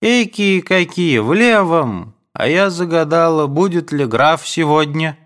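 A man's voice: a little high, expressive, a little slow, a bit bright, pitched above the performer's own voice. A man reading a novel aloud, voicing an impatient older mother who shrilly calls out from another room. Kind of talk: audiobook reading.

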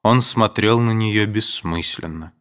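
A man reading classic prose aloud as an audiobook narrator, in a measured, expressive storytelling manner. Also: fairly low pitch, clean tone.

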